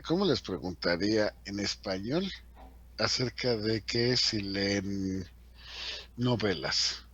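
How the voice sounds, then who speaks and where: A man's voice: on the low side, a bit bright, lo-fi sound. A man teaching an English grammar class in a chatty way, asking his students questions as he goes. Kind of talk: classroom lesson explaining grammar.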